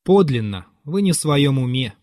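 A man reading the part of a stubborn old manservant who talks slowly and quietly with a measured lisp and is wholly unbothered. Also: mid-range voice, sing-song, dry recording, studio quality, close to an everyday voice. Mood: calmly insolent. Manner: quiet, unbothered and self-assured. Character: calm, stubborn, lisping old male manservant.

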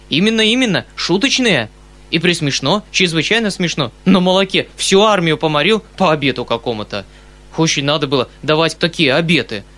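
A man voicing an excitable, kindly old colonel. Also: a little high, voice pushed up. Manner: loud exclamations, eager and fussy. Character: excitable kindly retired colonel, middle-aged, eager. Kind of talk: audiobook character reading.

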